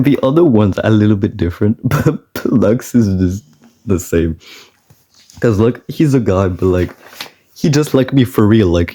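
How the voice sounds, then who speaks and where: A man's voice: on the low side, dark tone. A man of twenty-one chatting casually and rambling, often stopping himself mid-sentence and laughing. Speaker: artist vlogger. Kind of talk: casual chat.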